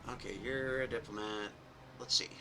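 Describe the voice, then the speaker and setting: A man's voice: medium pitch, fairly even intonation, moderate pace, noisy background. A young man streaming a game, commenting in a rambling, self-mocking, casual way. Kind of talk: gameplay commentary.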